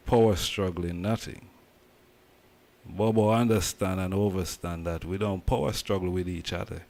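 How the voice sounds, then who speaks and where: Deep-voiced Jamaican man, emphatic. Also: darkish tone. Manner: emphatic, preaching in Jamaican patois. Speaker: host. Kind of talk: casual commentary.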